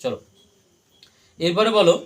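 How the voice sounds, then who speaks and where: A man leads a classroom lesson built on call-and-response, drilling students with the same questions and having them chant back the answers. His voice sits high and is expressive, with a slightly slow pace.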